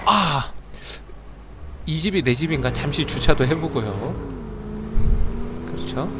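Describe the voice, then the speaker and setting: Guy streaming a game, high lively voice, stammers a lot, car noise behind. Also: slow, creaky. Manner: playful, chatty, swings into loud flustered outbursts; stammers and repeats words. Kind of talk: live game commentary with chat.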